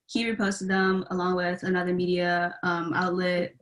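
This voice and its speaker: A young woman hosts a podcast interview. Her voice sits a little low, and she asks her questions in an easy, conversational way. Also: monotone, moderate pace. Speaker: podcast host.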